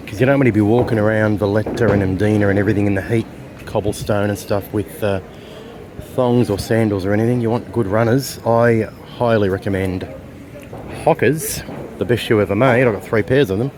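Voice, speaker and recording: A slightly fast, lowish male voice with fairly even intonation belongs to an Australian travel vlogger strolling city streets. He narrates his walking tour in a chatty, rambling way with fillers, and street noise sits behind him.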